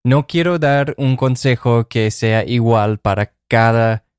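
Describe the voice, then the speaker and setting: A man co-hosting a conversational Spanish lesson podcast, calmly offering tips and examples. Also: mid-range voice, takes it slowly, clean tone, dry recording, studio quality. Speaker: co-host of a language podcast.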